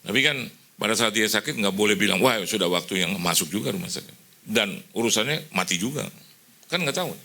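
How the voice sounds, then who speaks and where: Middle-aged man, pastor, sermon, gravelly, low voice, lively storytelling. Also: brisk. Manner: lively storytelling, mixing in English phrases, acting out quoted voices. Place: church hall.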